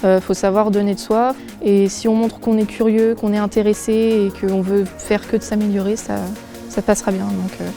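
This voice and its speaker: A woman's voice: medium pitch, level tone, normal speed, mellow, soft background music. A woman in her twenties, a nurse and volunteer firefighter, searching for words in an interview with many hesitations. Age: 20s. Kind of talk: interview testimony.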